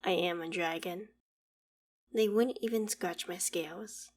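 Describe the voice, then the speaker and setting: Voicing an ancient, proud she-dragon, a woman with a lowish voice speaks at a measured pace in a scripted roleplay monologue, sounding proud and dismissive. Her lines are formal and archaic, delivered theatrically and haughtily, yet with lingering affection for humans.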